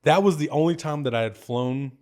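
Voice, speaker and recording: A man's voice: on the high side, brisk. A man with a kid of his own, a tattoo artist guest on a podcast, telling a story casually, with lots of swearing and laughing. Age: adult parent. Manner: animated, profane, laughs often.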